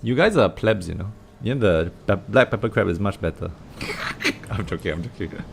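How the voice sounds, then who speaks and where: Animated Singaporean man streaming games. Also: on the low side, moderate pace, gravelly, a little hiss or hum. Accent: Singaporean English. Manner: animated, swearing, joking, frequent exclamations. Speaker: game streamer. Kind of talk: casual livestream gaming commentary.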